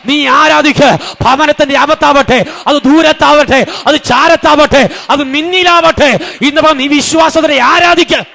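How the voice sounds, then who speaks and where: A man's voice: extremely high pitch, gravelly, bright, forceful tone. A man preaching a fervent prayer sermon in a church hall, repeating urgent exhortations and breaking into chanted tongues.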